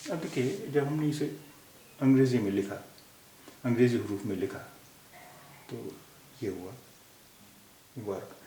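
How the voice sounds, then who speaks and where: A man teaching a language lesson, repeating each word slowly to show how it is pronounced. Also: mid-range voice, mellow. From India. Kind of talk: slow explanatory lesson. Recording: echoey room with faint hiss.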